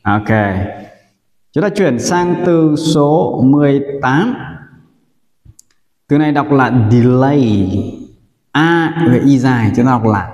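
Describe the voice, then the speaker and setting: Slow echoey male teacher drilling words. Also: medium pitch, animated, darkish tone, lo-fi sound. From Vietnam. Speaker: English teacher. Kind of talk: vocabulary pronunciation lesson. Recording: roomy echo with long reverb.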